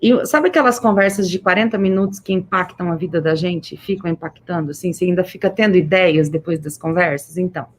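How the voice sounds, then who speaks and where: A woman's voice: fairly low pitch, a little fast, hardly any pauses, slight background noise. A woman with a Brazilian accent speaks through a face mask, addressing teachers informally on a livestream as an education official, effusive and emphatic, repeating words for stress.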